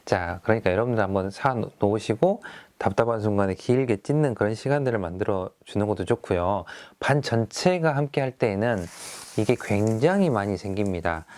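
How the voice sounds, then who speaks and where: Low-voiced male teacher explaining activities. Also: expressive, a little fast, a little mellow. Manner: friendly explaining, with filler "어" and "자". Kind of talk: classroom activity tutorial.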